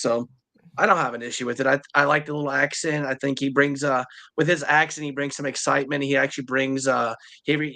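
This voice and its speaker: A man's voice: mid-range voice, pushed and bright. A man co-hosting a casual podcast, rambling easily and restarting his sentences. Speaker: podcast co-host. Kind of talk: casual chat.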